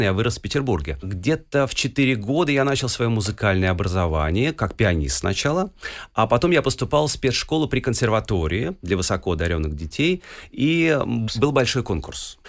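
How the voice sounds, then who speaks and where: A man in his forties from Russia talks through his life in a relaxed interview, his voice sitting a little low. He wanders through the story with small hesitations and filler sounds. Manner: discursive, with frequent hesitations. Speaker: guest musician.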